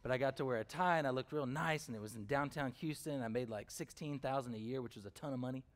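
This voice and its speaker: A man's voice: medium pitch, fast talker. Guy pastor preaching, chatty storytelling, lots of um and you know, asks the crowd stuff. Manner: conversational, uses fillers and asks the congregation questions. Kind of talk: sermon with personal storytelling.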